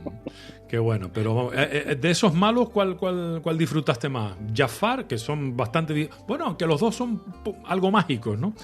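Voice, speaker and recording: A man's voice: fairly high pitch, very animated, normal speed, faint music behind. A man hosting an interview, talkative and full of hedges, laughing between remarks. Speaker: host, also an ad voice-over artist. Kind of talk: casual interview chat.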